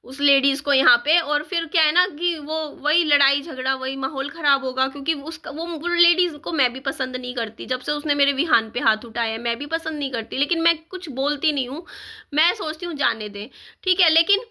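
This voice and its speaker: A woman's voice: sits high, brisk. A young woman vlogger telling a neighborhood quarrel story casually, asking her viewers questions as she goes. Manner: animated, rhetorical questions to viewers.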